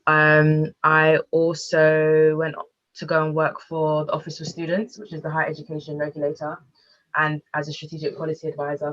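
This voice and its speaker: A woman's voice: low voice, lo-fi sound. A woman, introducing herself as a panel guest in a fluent way with frequent fillers.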